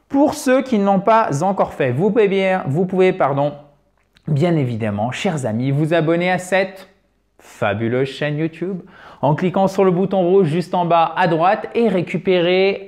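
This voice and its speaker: Slow, careful teacher man. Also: high-pitched, darkish tone. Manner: explains slowly, repeats English words with careful stress. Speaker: English teacher. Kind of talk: video lesson.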